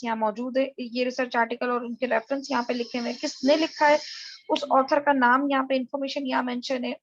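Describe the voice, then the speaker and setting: A woman's voice: sits high, no echo, highs cut off. A woman lecturer giving a methodical, step-by-step tutorial lecture, explaining directly to viewers. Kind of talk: screen-recorded tutorial lecture.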